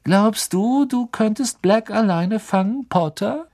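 Brief: a man playing a sneering teen bully, sly and needling, raised pitch, gravelly. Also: takes it slowly, a little mellow, full character voice. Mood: taunting. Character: spiteful scheming schoolboy, thin-lipped bully.

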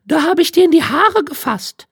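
This dry storybook reading features a man voicing a crafty, kind old grandmother in a creaky, high falsetto. Coaxing, she fusses in a sing-song manner at a moderate pace, her lively intonation swinging widely up and down.

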